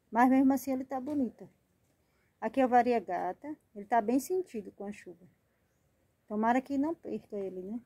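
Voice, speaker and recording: A woman's voice: on the high side, dark tone, no echo. A woman hosting a casual gardening vlog, chatting affectionately as she names and shows each of her plants. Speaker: plant channel host.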